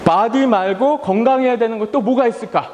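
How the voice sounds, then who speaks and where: Playful pastor in an echoey church hall. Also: male voice, very high-pitched, brisk, darkish tone, slight background noise. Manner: playful, asks children questions and leads call-and-response; acts out family members and his own tired sighs. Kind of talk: children's sermon. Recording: echoey hall with long reverb.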